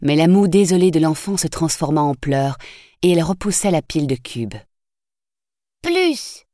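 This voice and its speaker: A woman narrating a novel as an audiobook in a measured, even storytelling voice. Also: low voice, dry recording, studio quality.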